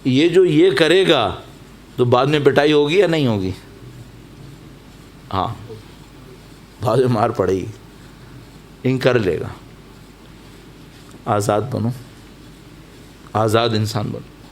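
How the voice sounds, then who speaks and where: Man, preacher, emphatic exhorting sermon, mid pitch, faint hall noise. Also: pauses often. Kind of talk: Muharram majlis sermon. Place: mosque or majlis hall.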